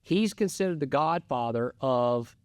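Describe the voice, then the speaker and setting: A middle-aged man co-hosting a podcast, telling a rambling, excitable travel story in casual chat. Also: mid-range voice, measured pace, smooth, dry recording, clean studio sound. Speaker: podcast co-host.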